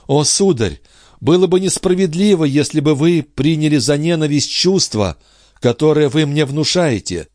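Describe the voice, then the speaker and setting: A man's voice: a little high, animated, normal speed, a little mellow, no room sound, studio quality, voice pushed up, natural voice. A man voicing a young noblewoman who pleads in breathless, emotional bursts. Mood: anguished. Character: young noblewoman, anguished and passionate.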